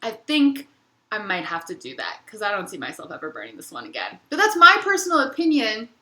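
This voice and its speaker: Bright-voiced chatty woman in an echoey room. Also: mid-range voice, huge pitch swings, fairly quick. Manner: chatty, searching for words with many fillers. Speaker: candle reviewer. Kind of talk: casual product review vlog.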